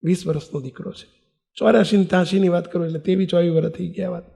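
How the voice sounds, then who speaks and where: A man's voice: high-pitched, quick pace, creaky. An older man, a monk, preaching a sermon and telling a story, acting out the voices of the people in it. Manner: animated storytelling, acts out quoted voices.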